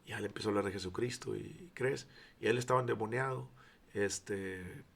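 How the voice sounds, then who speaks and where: A Mexican-accented church founder in his forties gives his faith testimony as a guest, his fairly low voice brisk, creaky, husky and a bit bright. He tells it as a story, acting out dialogue and sometimes dropping almost to a whisper.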